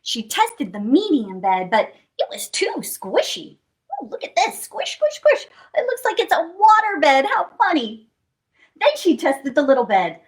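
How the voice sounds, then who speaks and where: With a high-pitched voice and a slightly slow pace, a woman reads a picture book aloud to young children at storytime. She's animated and playful, adding sound effects and putting questions to her little listeners.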